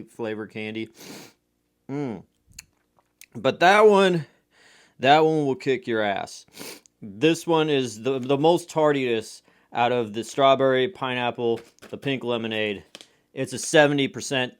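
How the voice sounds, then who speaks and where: Slow-talking man eating sour candy on camera. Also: mid-range voice, clean tone. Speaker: candy reviewer. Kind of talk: casual review chat to viewers.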